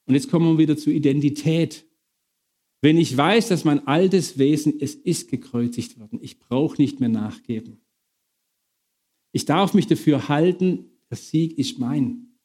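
A middle-aged man preaching a sermon to his congregation, lively, questioning and bantering with the listeners. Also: on the high side, measured pace.

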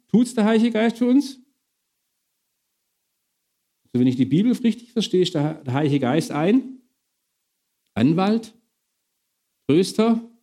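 Lively middle-aged preacher with a mellow voice. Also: male voice, sits high. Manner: lively, asks the congregation questions and banters. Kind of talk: sermon.

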